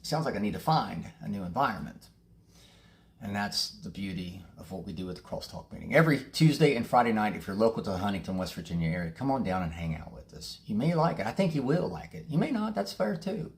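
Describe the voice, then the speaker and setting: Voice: deep voice, very animated, quick pace, vocal fry. A recovery meeting host speaking candidly to viewers, blunt and passionate, swearing freely and restarting sentences often. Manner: rambling with repeated restarts. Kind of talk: candid recovery talk to camera.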